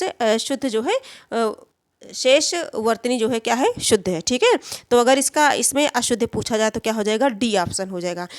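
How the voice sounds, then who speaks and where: A woman's voice: fairly high pitch, no room sound, clean studio sound. A woman teaching a Hindi spelling exam lesson, who repeats each answer and asks and answers her own questions.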